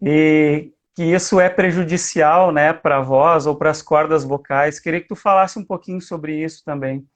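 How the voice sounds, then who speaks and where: Casual male host with a fairly high voice. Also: fairly even intonation, measured pace, few pauses. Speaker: host interviewer. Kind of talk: casual live interview.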